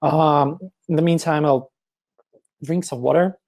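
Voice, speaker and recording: Man presenting a webinar, voice going hoarse. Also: on the high side, fairly even intonation, a little slow, darkish tone. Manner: explanatory, step-by-step, with frequent fillers and throat clearing. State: voice getting hoarse. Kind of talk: online conference presentation.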